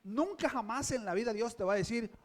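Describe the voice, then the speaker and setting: Male pastor, high voice, emphatic sermon delivery, keeps asking the congregation questions. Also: lively intonation, brisk.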